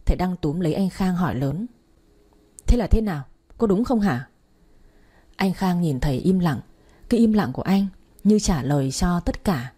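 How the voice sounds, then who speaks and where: A woman narrating a family drama story in first person, with a steady dramatic reading. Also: lowish voice, breathy edge.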